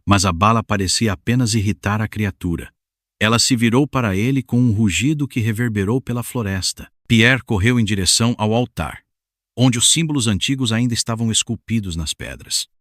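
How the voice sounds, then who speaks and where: A man narrates a scripted horror tale with measured, solemn pacing. His voice sits low, recorded close with no room sound. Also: a bit bright, no room sound.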